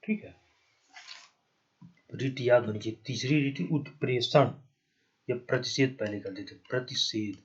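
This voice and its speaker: A man with a Hindi accent teaches an exam-prep class in a husky, medium-pitched voice, unhurried and with long pauses. Writing on the board as he lectures, he spells terms letter by letter and often checks in with "ठीक है ना". The lo-fi recording sounds dull.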